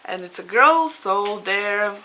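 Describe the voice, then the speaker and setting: A woman's voice: medium pitch, lively intonation, slow, bright, forceful tone, slight background noise, poor audio. A woman in her thirties from Latvia, a native Russian speaker, chatting casually to camera as a needlework vlogger, laughing often and searching for words. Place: home in Ireland.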